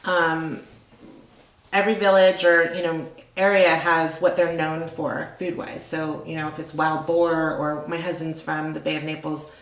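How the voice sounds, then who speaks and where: A woman's voice: sits low, flat delivery, a little slow, roomy sound, poor audio. A middle-aged woman who owns a restaurant, talking casually in an interview, rambling and chatty with lots of fillers. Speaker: restaurant owner.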